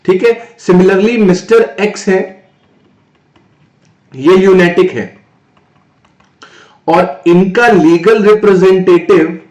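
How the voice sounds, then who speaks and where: A male tax lecturer from northern India, talking in a slightly high voice and often switching to English terms. He poses questions to the class and answers them himself. The recording has a roomy echo. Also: takes it slowly, long pauses, darkish tone. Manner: mixes English terms into Hindi explanation. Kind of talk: exam-prep classroom lecture.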